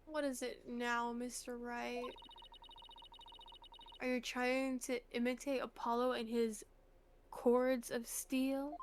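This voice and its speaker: A woman's voice: a little high, little pitch movement, slight background noise. A woman reading an earnest young lawyer assistant. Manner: slow, deliberate reading.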